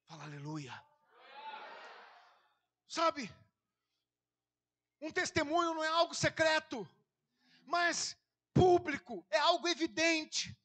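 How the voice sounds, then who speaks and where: A woman with a Brazilian Portuguese accent preaching a sermon, telling stories with animation and rising to fervent shouting. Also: sits high, lively intonation, slow, long pauses.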